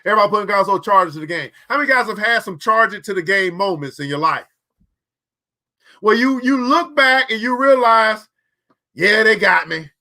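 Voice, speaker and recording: Speaking at a normal pace in an expressive voice that sits high, pushed and bright, this host in his forties preaches about money. His motivational talk goes straight to the audience, with phrases repeated for emphasis.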